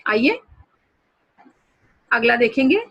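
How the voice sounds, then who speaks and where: A high-voiced woman teacher giving an online lesson. She reads a story passage by passage, explains it patiently and has her students note down new words. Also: sing-song, slow pace, husky, highs cut off. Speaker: school teacher.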